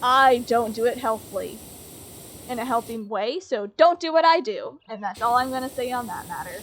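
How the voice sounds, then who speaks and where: Chatty high-voiced young woman streamer. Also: moderate pace, a little hiss or hum. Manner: rambling, swears freely, laughs things off. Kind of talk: casual chat while gaming.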